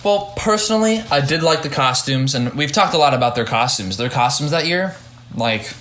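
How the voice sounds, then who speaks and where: A young man hosts a laid-back podcast and talks things over in a middle-pitched voice. He hedges often, restarts his sentences and fills gaps with "like" as he thinks aloud. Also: animated, a bit bright, reverberant, slight background noise. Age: young adult. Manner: halting, hedging, many restarts. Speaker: podcast host and judge. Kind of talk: casual podcast chat.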